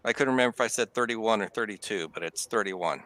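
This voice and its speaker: A man's voice: fairly low pitch, fast, a bit bright, dry recording. A man playing a tabletop game, double-checking numbers and rules with the game master. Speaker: player. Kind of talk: tabletop game play over voice chat.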